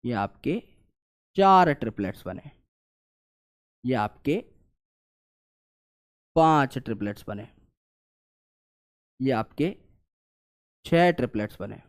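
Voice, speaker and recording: A man's voice: medium pitch, expressive, slow pace, pauses often. Man, biology teacher, self-answering questions, repetitive lecture. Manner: swings between loud questions and quiet drawing mutters. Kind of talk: online lecture drawing a diagram.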